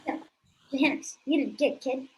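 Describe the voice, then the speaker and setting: A woman's voice: sits high, normal speed, darkish tone, lightly acted, poor audio. A woman playing a blunt, grim talking raven who sounds indifferent, in a stage comedy. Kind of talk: student stage comedy acting.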